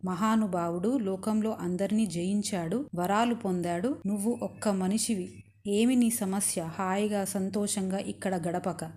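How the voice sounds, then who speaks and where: Give me jeering demon women guards, read by a woman storyteller, warm and mellow. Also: medium pitch, steady tone, unhurried, natural voice. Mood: taunting. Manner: taunting.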